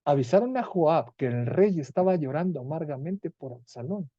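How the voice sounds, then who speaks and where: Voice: medium pitch, lively intonation, normal speed, mellow, no room sound, lo-fi sound. A Bible study teacher with a Mexican accent, reading scripture aloud and explaining it in an earnest way, with small restarts.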